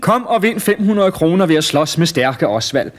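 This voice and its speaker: A man doing a shouting carnival barker. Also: on the high side, animated, voice pushed up, close to an everyday voice. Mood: hawking. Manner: shouting, hawking. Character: loud adult male carnival barker.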